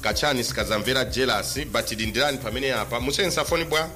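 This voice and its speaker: A Zambian man co-hosting a radio phone-in, chatting casually in mixed languages, halting and repeating words. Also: mid-range voice, pushed and bright. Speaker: radio promotion co-host. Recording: prominent music behind the voice. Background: music bed.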